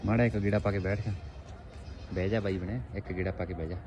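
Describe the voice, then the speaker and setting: Speaking fast in a low, steady tone, the man runs a casual, rustic pigeon-keeping vlog from a home rooftop. He talks to viewers like pals while birds and noisy outdoor sounds fill the background.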